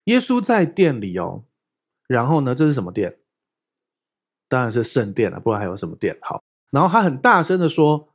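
Male pastor, husky voice, animated conversational sermon delivery. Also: medium pitch. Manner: lively, conversational preaching with rhetorical questions.

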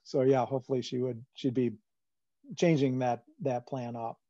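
A Midwestern man fields questions on a video call, his voice mellow and dark and the sound dry and close. The audio is dull and lo-fi, like a computer microphone. He talks in a loose conversational way, full of fillers and restarts. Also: mid-range voice, level tone, moderate pace, no room sound. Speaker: farm finance presenter. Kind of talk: answering audience questions in a webinar. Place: home room on a video call.

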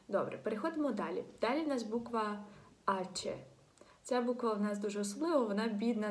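A woman teaching a beginners' lesson, patiently repeating each example word slowly. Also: a little high, darkish tone. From Ukraine. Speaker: language teacher. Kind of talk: spoken lesson.

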